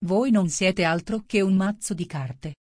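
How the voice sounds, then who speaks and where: A woman's voice: mid-range voice, measured pace, darkish tone, husky, dry recording, clean studio sound. A woman reading the part of an outspoken, indignant young girl in a storybook.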